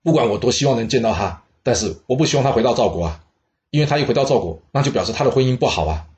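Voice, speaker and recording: A man voicing a stubborn, sharp-tongued old queen dowager in a blunt, petulant way. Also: medium pitch, animated, very fast, voice pushed up, close to an everyday voice. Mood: grumbling.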